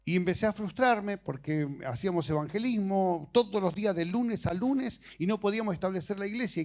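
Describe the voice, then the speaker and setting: A middle-aged preacher and missionary whose native language is Portuguese gives an informal sermon drawn from personal stories. His voice is notably high and a little mellow, and he talks conversationally and haltingly, dropping in jokes along the way.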